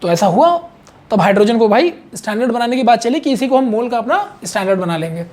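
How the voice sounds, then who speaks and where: A man's voice: very high voice, very animated, fast, a little mellow. A man teaching a chemistry lesson in a conversational, repetitive way, often checking in with his students. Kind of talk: explanatory online chemistry lesson.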